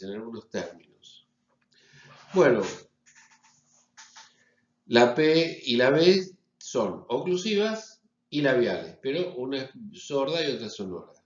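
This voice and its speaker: A man's voice: medium pitch, very animated, a little slow. A man with a Rioplatense accent giving a phonetics lecture, explaining step by step and often checking in with the class. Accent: Rioplatense Spanish. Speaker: university lecturer. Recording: echoey, slightly dull recording.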